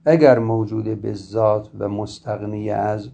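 A man giving a formal philosophy lecture in a slow, measured, scholarly way, often clearing his throat. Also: fairly low pitch, fairly even intonation, mellow. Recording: dull lo-fi recording.

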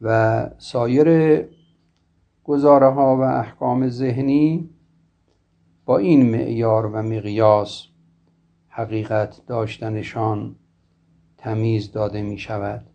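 A man giving a formal philosophy lecture in a slow, measured, scholarly way, often clearing his throat. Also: medium pitch, fairly even intonation, mellow. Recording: dull lo-fi recording.

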